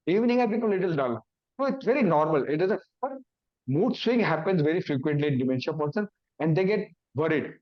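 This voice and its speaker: On a muffled recording, a native Hindi speaker with an Indian English accent and a slightly high voice delivers an awareness talk. He draws on everyday examples, repeats simple phrases, and acts out confused thinking.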